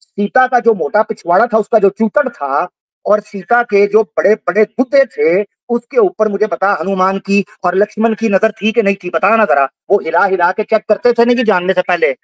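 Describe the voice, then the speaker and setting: High-pitched taunting man on a livestream. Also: moderate pace, no room sound. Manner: taunting, repeating jabs, aggressive. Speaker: livestream debate host. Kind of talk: heated live call-out on stream.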